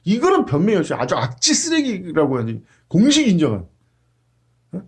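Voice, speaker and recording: A male preacher rehearses a sermon in an emphatic, blunt manner. He throws in coarse slang and constant rhetorical questions. His voice runs high and swings widely. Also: huge pitch swings, normal speed. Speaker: pastor. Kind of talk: sermon practice.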